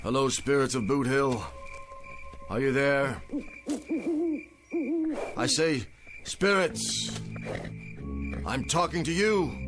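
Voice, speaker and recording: An actor in old-time radio drama style playing a smooth-talking, theatrical Western con man with florid, declamatory delivery. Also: mid-range voice, takes it slowly, long pauses, natural voice. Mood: theatrical, imploring. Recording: loud music under the voice.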